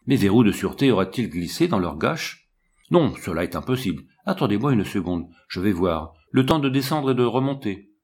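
A man reading an audiobook, voicing a small, proud old scientist who speaks calmly and gravely. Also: lowish voice, brisk, exaggerated voice. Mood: alarmed. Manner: grave, composed, explaining. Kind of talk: audiobook character voice.

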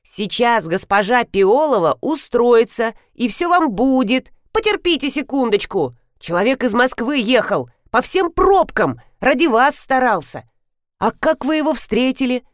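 A woman's voice: a little high, sing-song, a little slow, no room sound, studio quality, voice pushed up. A woman voicing a flustered young female event organizer who chatters shrilly and pleads, in an audiobook reading. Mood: scolding.

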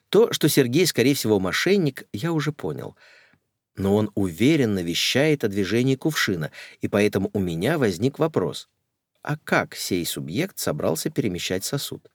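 A man's voice: fairly low pitch, no echo, studio quality. A man narrating a first-person comic audiobook in a wry, ironic storytelling manner.

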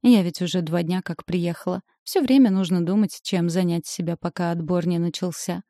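An excitable young lady who chatters and gossips without pause, as a woman narrator puts her on. Her voice lifts higher and louder than the narration around it. The audiobook recording is dry and close. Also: no echo, close to an everyday voice. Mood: gossipy.

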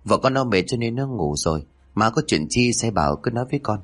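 A man's voice: on the low side, expressive, a little fast. Man voicing a polite young husband. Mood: pleading. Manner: polite, pleading, protective. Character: young husband, gentle, respectful son.

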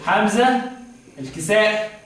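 A man's voice: sits high, lively intonation, measured pace, fairly bright tone. A man with an Egyptian Arabic accent teaching Quran recitation in an interactive classroom lesson, quizzing his students and drawing out words as he recites. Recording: echoey room from far off, faint noise.

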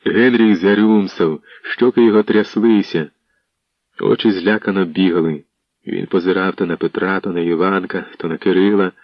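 A man narrates a historical tale in a low voice, with measured, scripted storytelling. The audio is dull and lo-fi, like an old radio broadcast, and sounds dry and close. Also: fairly even intonation, no echo.

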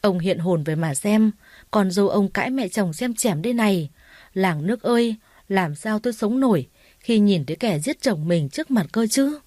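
A woman's voice: mid-range voice, animated, moderate pace, warm tone, no room sound, clean studio sound, close to an everyday voice. A woman voicing a spiteful, grieving older mother-in-law who wails and screeches accusations. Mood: wailing.

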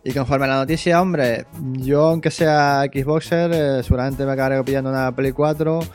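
A man's voice: mid-range voice, steady tone, normal speed, music in the background. A man with an accent from Spain giving casual video game commentary as a podcast panelist.

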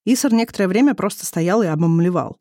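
A reader narrating a story in a steady, descriptive way. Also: medium pitch, quick pace, no room sound, studio quality. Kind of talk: audiobook narration.

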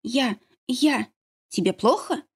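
A woman's voice: a little high, lively intonation, slow, slightly rough, pitched above the performer's own voice, full character voice. A woman voicing a caring young mother and priestess who reassures her friend. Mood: worried.

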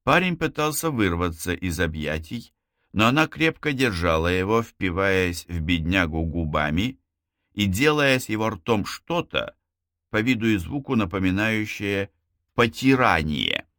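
A man with a deep, low voice narrates an audiobook at an unhurried pace, his expressive reading often leaping up in pitch to stress a word. The recording is close and dry, with no room sound.

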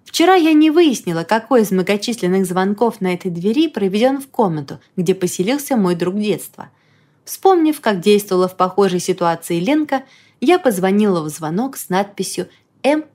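A woman reading a first-person audiobook story with lively, expressive narration. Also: mid-range voice, moderate pace.

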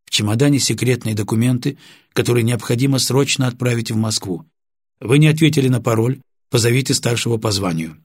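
Guy doing a stubborn pilot captain, short and defiant, husky. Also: medium pitch, brisk, a little mellow, dry recording, studio quality, natural voice. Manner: hoarse, terse, defiant. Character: beaten male combat pilot captain, proud and stubborn.

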